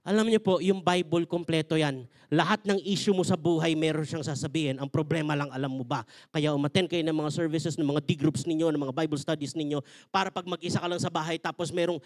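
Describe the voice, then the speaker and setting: A male pastor preaching an energetic, emphatic sermon at a men's conference, mixing in English verses. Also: a little high, fast.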